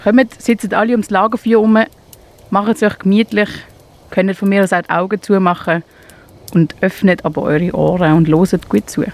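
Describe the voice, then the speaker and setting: A woman reading a children's animal story aloud in a calm, inviting, measured way. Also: mid-range voice, a little hiss or hum.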